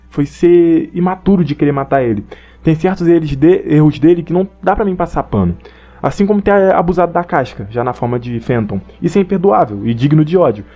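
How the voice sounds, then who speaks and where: Young man, Brazilian accent, quick speech, mellow tone, faint music underneath. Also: fairly high pitch, muffled recording. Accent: Brazilian Portuguese. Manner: slangy, rambling, reads from notes. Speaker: anime commentator. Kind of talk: casual opinion monologue.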